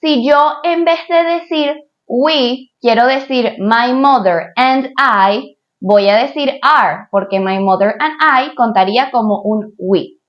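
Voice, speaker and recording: A woman's voice: a little high, muffled recording. A woman teaching an English grammar lesson for Spanish speakers, patiently repeating points and checking in with the viewer. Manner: says English examples slowly, twice.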